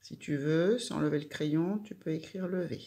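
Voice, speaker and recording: A woman's voice: low voice, moderate pace, dark tone. A woman teaching a child handwriting, giving patient step-by-step instructions.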